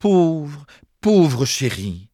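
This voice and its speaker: Man doing a delicate young woman, shrill, pleading, exclaiming, audiobook voice, husky tone. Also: sing-song, normal speed, no echo, studio quality. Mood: tearful pity. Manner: high, exclaiming, imploring. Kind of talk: audiobook character voice.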